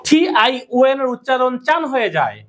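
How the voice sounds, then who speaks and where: A woman teacher leads a pronunciation class. Her voice sits a little high and swings widely in pitch as she quizzes the room over and over. Faint noise runs underneath. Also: huge pitch swings, a little fast. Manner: drills students with repeated questions and call-and-response. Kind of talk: classroom lesson.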